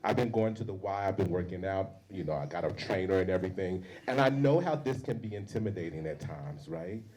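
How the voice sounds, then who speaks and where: A man tells a personal story to a panel audience, bringing each quote to life in turn. His voice sits a little low. A faint hiss runs under the recording. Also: brisk, low-quality recording. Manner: animated storyteller, acts out quotes. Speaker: panel speaker; university teacher.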